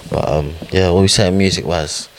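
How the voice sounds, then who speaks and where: A young man with a London roadman accent and a gravelly voice, hosting a podcast in casual, slangy chat. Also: deep voice, fairly even intonation, moderate pace, slight background noise. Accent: London, urban street (roadman). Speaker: podcast host.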